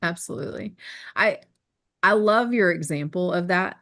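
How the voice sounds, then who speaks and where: A woman leads a wellness discussion in a lowish voice. She explains patiently and earnestly, and she often pauses to check that her listeners follow. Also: pushed and bright. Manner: earnest, explanatory, frequent "right?" check-ins. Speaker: wellness team presenter. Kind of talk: teaching discussion.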